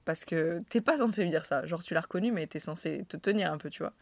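Young Frenchwoman, casual vlogger, self-mocking and slangy, slightly low voice, dry close mic. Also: fast, creaky, darkish tone, no room sound. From France. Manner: chatty, self-mocking, slangy, laughs often. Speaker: vlogger telling anecdotes. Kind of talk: casual storytelling to camera.

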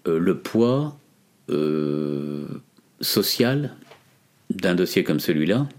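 A man in his sixties from the Ardennes in France, speaking with a metropolitan French accent, is a defence lawyer recounting his experience in an interview. His low, sing-song, slightly mellow voice moves hesitantly and deliberately, broken by frequent long pauses.

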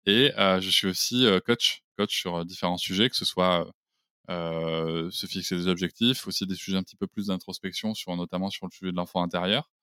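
A man's voice: sits low, steady tone, a little fast, bright, forceful tone, clean tone, no room sound, clean studio sound. A man in his forties from the Bordeaux area, a podcast guest talking casually with many hesitations and restarts. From Bordeaux area, France. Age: 40s. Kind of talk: casual interview chat.

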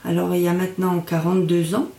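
A woman speaking as an instructor in an interview, explaining things in a reflective, halting way as she searches for her words. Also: lowish voice, little pitch movement, creaky, dark tone. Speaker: mindfulness instructor and guest. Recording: echoey room, distant from microphone.

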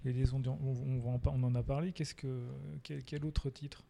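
A man's voice: medium pitch, flat delivery, moderate pace, gravelly, mellow, a little hiss or hum. Polite man hosting a podcast. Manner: polite interviewer, formal address. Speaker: podcast host. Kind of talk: podcast interview.

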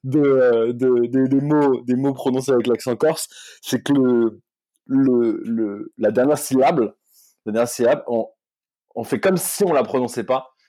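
A man's voice: mid-range voice, measured pace, warm tone, dry recording. A man co-hosting a comedy podcast, chatting casually, laughing often and repeating his words. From Corsica and mainland France. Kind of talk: casual chat.

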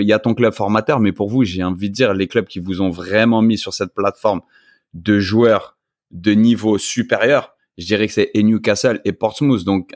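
A man's voice: lowish voice, no room sound, clean studio sound. A man co-hosting a casual podcast, repeating words as he searches for his phrasing. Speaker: co-host.

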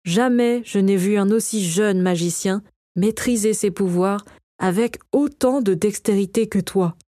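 A woman reading the part of a kind male king who calmly reassures his young son. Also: mid-range voice, a little slow, no echo, lightly acted. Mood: gentle. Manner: calm, warm and reassuring. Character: kind, gentle male king and father, a magician.

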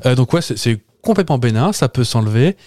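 A man's voice: mid-range voice, expressive, fast, a little mellow, no echo, studio quality. Playful teasing man with a Moselle accent. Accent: Moselle French. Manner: playful and teasing, rambling asides. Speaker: podcast co-host. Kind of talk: casual chat. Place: studio with a producer present. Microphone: studio microphone.

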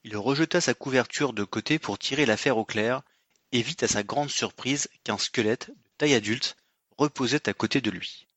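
A man narrating a novel in a measured storytelling manner. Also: medium pitch, a bit bright, no echo, muffled recording. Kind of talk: audiobook narration.

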